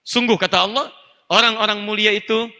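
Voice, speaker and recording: A man preaching a religious lecture in a high, very bright voice. He teaches emphatically, speaks straight to his listeners and breaks into fluent Arabic recitation. A long hall reverb trails behind each phrase. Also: fairly even intonation, brisk. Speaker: Islamic preacher.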